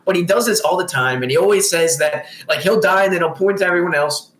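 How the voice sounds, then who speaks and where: A young man chats on a casual podcast. His voice sits a little high and he rambles through stories, filling every gap with "like". The recording carries a roomy echo. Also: quick pace, fairly bright tone. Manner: rambling storytelling, heavy use of "like". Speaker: podcast co-host. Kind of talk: casual chat.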